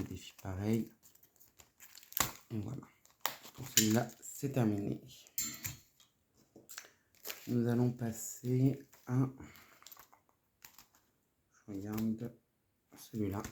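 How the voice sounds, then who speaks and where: A woman narrating her budgeting casually and counting aloud, haltingly, her voice thick and strained from swollen tonsils. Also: a bass voice, mellow. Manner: halting, murmuring to self while counting. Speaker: host of a budgeting video. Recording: noisy, with clicks and paper rustling.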